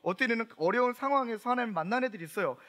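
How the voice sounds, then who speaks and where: A man's voice: extremely high pitch, animated, rapid-fire, fairly bright tone. A middle-aged man, a pastor, preaching a sermon with humorous storytelling and questions to the congregation.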